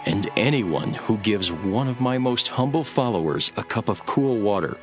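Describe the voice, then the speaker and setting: In a dramatised scripture reading, a man with a lowish voice takes the role of a grave, authoritative teacher addressing his followers. He is measured and solemn yet animated, sounding close to an everyday voice, with soft music in the background.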